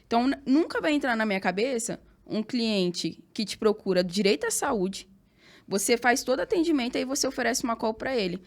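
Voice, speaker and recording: A woman's voice: fairly high pitch, lively intonation, fairly quick. A woman with a Brazilian accent, a podcast guest giving direct, emphatic advice. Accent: Brazilian Portuguese. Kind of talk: casual podcast chat.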